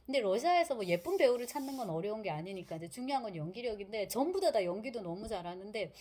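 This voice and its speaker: A woman's voice: medium pitch, fast. A woman lecturing on literature in a casual, chatty way. She tells the story with energy and acts out the characters' lines. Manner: lively storytelling, acting out quotes.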